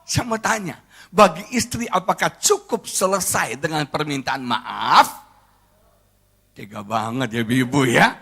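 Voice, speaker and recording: A middle-aged male pastor, giving a joking, animated sermon to his congregation. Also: a little high, measured pace, vocal fry, breathy edge. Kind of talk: lively humorous sermon.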